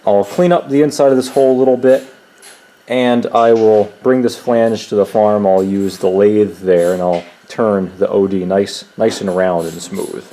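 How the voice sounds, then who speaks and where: A man's voice: lowish voice, fairly even intonation, normal speed, dark tone, slight background noise. A man hosting casual shop talk and joking with a friend while he explains his machining work. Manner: joking, wisecracking. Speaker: channel host. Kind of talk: casual shop chat and commentary. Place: home workshop.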